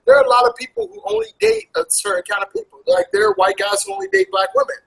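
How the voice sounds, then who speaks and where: Animated American man in a roomy space. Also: quick pace, gravelly. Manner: animated, with big jumps in pitch. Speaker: interview guest, travel vlogger. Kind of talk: casual interview talk. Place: Asia.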